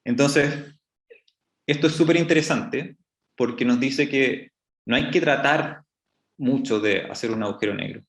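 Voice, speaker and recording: A man's voice: mid-range voice, unhurried. A man giving a public astrophysics talk, explaining step by step with frequent restarts. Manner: explanatory, many restarts and "entonces, bueno". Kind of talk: public lecture. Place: lecture room. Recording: echoey room.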